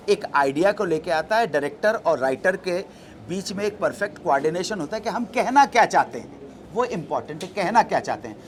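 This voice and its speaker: A middle-aged man at a press event, answering reporters' questions in a deliberate, explanatory way and dropping English terms into his answers. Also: a little high, a little hiss or hum.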